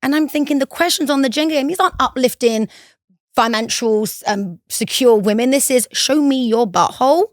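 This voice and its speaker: A woman gossips with animated indignation on a talk show. Her voice sits a little high and is recorded close and dry, with no room sound. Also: moderate pace, dry recording. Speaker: podcast co-host. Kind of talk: casual chat.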